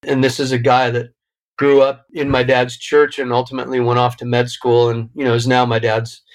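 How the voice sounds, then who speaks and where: A man's voice: mid-range voice, level tone, brisk, low-quality recording. Reflective middle-aged man telling his story. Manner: reflective, emotional storytelling with frequent restarts. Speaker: podcast guest. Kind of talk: interview conversation.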